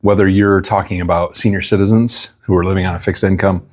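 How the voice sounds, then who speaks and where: A middle-aged man giving earnest, measured explanations as a guest in a casual interview. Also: low-pitched, flat delivery. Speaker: police chief, interview guest.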